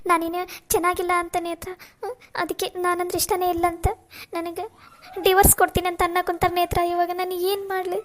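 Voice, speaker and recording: A woman's voice: very high voice, level tone, brisk. A woman voicing a sorrowful young wife in a cartoon, pleading and near tears. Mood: tearful.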